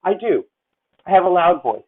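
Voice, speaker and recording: Over tinny video call audio, a voice teacher in her fifties coaches a singer in a masterclass, effusive and rambling, calling her student honey. Her voice is fairly low, with big pitch swings, at normal speed.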